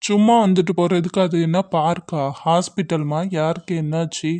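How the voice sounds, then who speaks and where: A woman voicing a gentle, caring young man in an amateur cartoon, speaking calmly and with reserve. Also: fairly low pitch, moderate pace, no room sound, natural voice. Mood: reserved.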